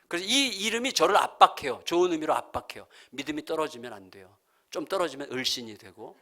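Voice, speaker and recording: A male pastor in his fifties preaching a sermon, telling funny family stories and acting out the dialogue. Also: on the high side. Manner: humorous, animated storytelling with acted-out dialogue. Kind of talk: sermon with storytelling. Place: church sanctuary.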